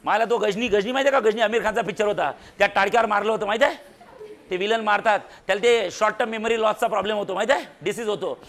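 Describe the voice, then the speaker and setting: A man's voice: sits high, very fast, vocal fry, fairly bright tone. A man teaching a physics class in a classroom, quizzing and teasing his students with jokes. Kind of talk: classroom lecture.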